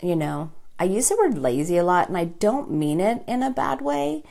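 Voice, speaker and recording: Chatty woman with a gravelly, lively voice. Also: on the low side, normal speed. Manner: chatty, talks to viewers by name while working. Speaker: makeup live-stream host. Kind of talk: casual makeup tutorial chat.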